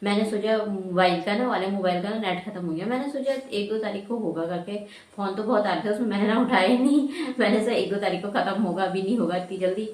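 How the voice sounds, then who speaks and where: A woman's voice: mid-range voice, fast talker, a little mellow. A woman in her thirties chatting casually through a home vlog, rambling and laughing often as she goes. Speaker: vlogger. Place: home, rooms and rooftop.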